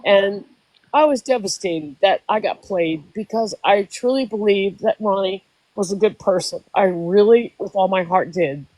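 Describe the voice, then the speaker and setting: A woman's voice: mid-range voice, a little slow, darkish tone, no room sound. A woman in her sixties, a livestream guest, telling a story in casual chat, emotional and rambling, often repeating herself. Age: 60s.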